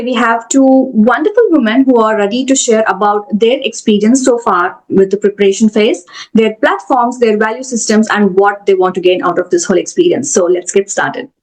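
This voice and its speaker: A woman's voice: a little high, poor audio. A woman hosting a podcast interview, upbeat and encouraging toward her guests. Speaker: podcast host.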